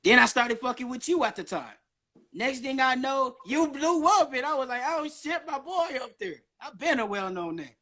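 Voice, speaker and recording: A man in his early twenties talks on a casual live stream in a strikingly high voice with a bright, forceful edge. He keeps up nonstop, rambling chatter. His wording is slangy and heavy with swearing. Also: expressive, moderate pace. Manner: profane, slangy. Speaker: guest on a social media live stream. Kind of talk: casual livestream monologue.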